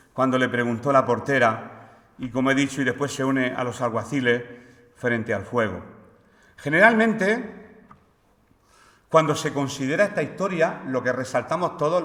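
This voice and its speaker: A man's voice: mid-range voice, fairly bright tone. A man with a Spain Spanish accent preaching a sermon in a conversational way, asking rhetorical questions. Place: church hall. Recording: echoey church hall.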